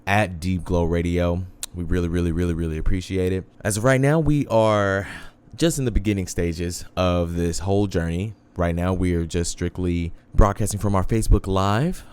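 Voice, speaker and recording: Deep-voiced laid-back radio host man. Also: fairly even intonation, normal speed, few pauses, darkish tone, smooth. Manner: laid-back, chatty, keeps addressing listeners as "guys"; dry sarcasm. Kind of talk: casual internet radio hosting.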